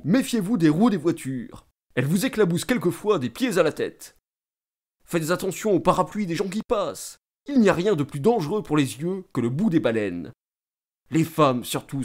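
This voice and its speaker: A self-important middle-aged official, as a male reader puts him on, talking in a raised, louder voice. He lectures and boasts eagerly, swinging his pitch upward with every point. A storybook figure full of his own importance. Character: pompous, talkative middle-aged male state councillor.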